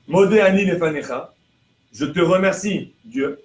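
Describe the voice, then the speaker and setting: A rabbi teaches a religious lesson to a live class in a room with listeners present, translating prayer lines phrase by phrase and explaining through chains of rhetorical questions. His voice is high and unhurried. The room is echoey, with faint background noise.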